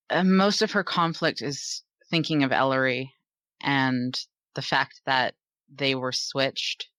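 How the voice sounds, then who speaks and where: Tabletop player, thoughtful, slow, dry close sound. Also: medium pitch, a bit bright, no room sound. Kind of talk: narrating own character in a tabletop game.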